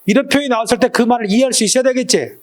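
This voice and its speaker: A male exam-prep teacher lecturing a live class, quizzing students with short questions, his throat irritated and often cleared. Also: very high voice, racing.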